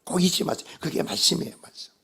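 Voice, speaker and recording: A man's voice: quick pace, sharp tone. A male pastor delivering a Sunday sermon, emphatic and putting rhetorical questions to the congregation.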